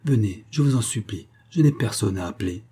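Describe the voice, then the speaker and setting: A man's voice: lowish voice, expressive, a little fast, warm tone, breathy edge. A man voicing an anxious young woman whose husband is dying, in a pleading, earnest tone.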